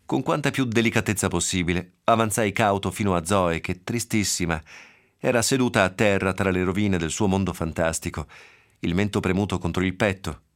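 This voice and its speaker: A man reading a novel aloud on a radio program, with measured, evenly paced first-person narration. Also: sits low. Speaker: reader. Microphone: radio studio microphone.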